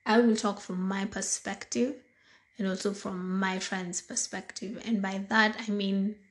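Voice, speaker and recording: This is a solo talk-show monologue from a podcast host, a thirty-something woman whose mid-range voice has a Kenyan accent and a touch of morning hoarseness. Relaxed and chatty, she takes her time, speaking deliberately and dropping plenty of ums and uhs between thoughts.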